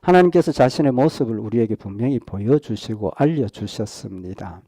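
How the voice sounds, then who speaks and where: A male pastor giving an earnest Sunday sermon. He asks the congregation rhetorical questions and often pauses on short fillers. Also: on the low side, expressive, warm tone, no echo, clean studio sound. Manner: frequent hesitation fillers.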